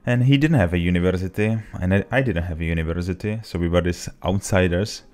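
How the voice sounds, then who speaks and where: A man's voice: low voice, fast talker. A young man from the Czech Republic with a Czech accent, casually telling his story to camera at a desk mic in a small home office. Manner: relaxed storytelling, slightly broken English. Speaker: vlogger. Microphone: desk mic on a boom arm.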